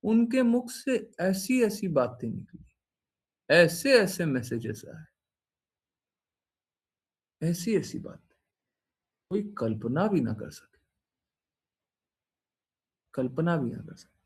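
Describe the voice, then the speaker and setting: A man's voice: on the high side, big pitch swings, slow, long pauses, a little mellow, slightly rough. Man teasing his devotees with tag questions. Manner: teasing, repeats phrases, frequent "हैं?" tag questions. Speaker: spiritual teacher addressing devotees. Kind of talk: informal devotional talk.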